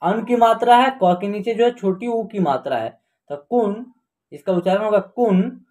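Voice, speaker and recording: Man, online teacher, slow classroom spelling, patient, repetitive, checks understanding. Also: sits high, lively intonation, a little mellow. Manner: patient, repetitive, often checks if the viewer is following. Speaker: online Hindi teacher and channel host. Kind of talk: slow classroom lesson, spelling out words syllable by syllable.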